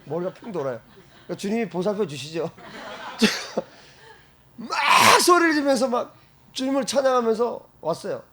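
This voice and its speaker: A male pastor preaching an animated sermon, breaking into loud shouted exclamations and frequent laughter. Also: sits high, fast talker, a little hiss or hum.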